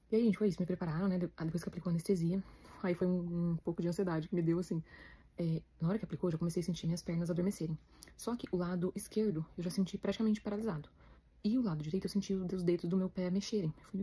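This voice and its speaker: Rapid-talking Brazilian woman vlogger. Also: on the low side, dark tone, slightly rough. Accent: Brazilian Portuguese. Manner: rapid, chatty, emotional retelling. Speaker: vlogger, new mother. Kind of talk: casual storytelling to viewers.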